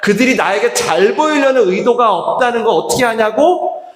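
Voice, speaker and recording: A man preaching a sermon as pastor, speaking straight to his congregation in an animated way. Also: extremely high pitch, moderate pace, slight background noise. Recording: roomy church hall echo.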